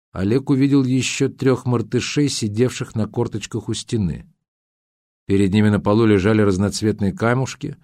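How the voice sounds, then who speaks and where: Low-voiced man reading a novel. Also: darkish tone, dry recording, studio quality. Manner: dramatic reading with voiced dialogue. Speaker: audiobook narrator. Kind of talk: scripted narration.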